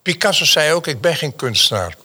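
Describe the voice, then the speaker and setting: Man, painter guest on an interview, animated storyteller, emphatic repetitions, bright tense tone. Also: on the high side, a little fast, breathy edge. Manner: theatrical and emphatic, repeats phrases for effect.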